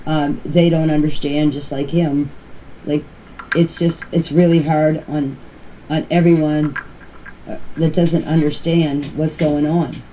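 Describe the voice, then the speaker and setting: This older woman's voice is low and dark, with a level tone and a measured pace. She leaves casual, rambling personal voice messages for a group chat on her phone, speaking plainly and repeating herself often, and the amateur recording is noisy.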